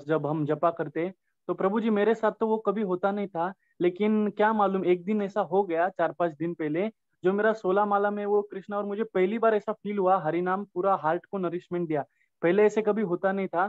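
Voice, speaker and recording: A respectful man hesitantly asks his teacher a question over a call. His voice is high and sounds tinny, like a phone line, with a dry, close sound. He pauses with fillers as he searches for words. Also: no echo. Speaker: participant asking a question. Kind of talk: devotional Q&A question.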